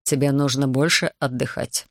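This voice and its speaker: A woman reading an audiobook, voicing a calm, wealthy male plantation master who talks smoothly and patronizingly. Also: very deep voice, normal speed, dry recording, clean studio sound, pitched below the performer's own voice. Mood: unruffled.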